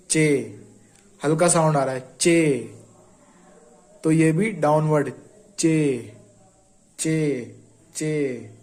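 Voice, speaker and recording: A man's voice: fairly high pitch, darkish tone, rough recording. Patient Hindi-speaking male shorthand teacher. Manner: explains patiently, repeats sounds and quizzes the viewer. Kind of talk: informal classroom-style tutorial.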